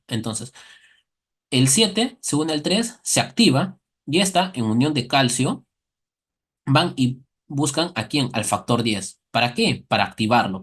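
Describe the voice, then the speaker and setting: A man's voice: mid-range voice, breathy edge. A man giving a recorded medical class, often asking the students a question and answering it himself, with playful everyday comparisons. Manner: asks and answers his own questions, playful analogies. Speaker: medical lecturer.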